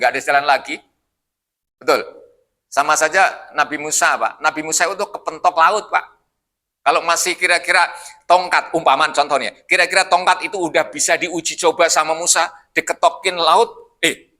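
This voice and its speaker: Male mosque preacher, higher, very bright tone, jokey and chatty with the congregation. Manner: jokey, asks the congregation questions. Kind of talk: casual evening Quran study sermon.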